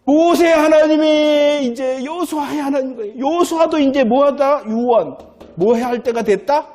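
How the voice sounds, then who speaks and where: A man preaching as a pastor in a church, talking conversationally, then repeating phrases loudly for emphasis. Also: very high voice, moderate pace. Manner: conversational preaching, swings from soft asides to loud emphatic repetition. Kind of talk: sermon.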